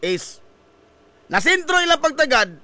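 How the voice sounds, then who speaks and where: High, lively radio host. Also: male voice, measured pace, dry recording. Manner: jokey, laughs often at his own quips; asks listeners rhetorical questions. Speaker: radio talk show host. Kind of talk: local radio commentary.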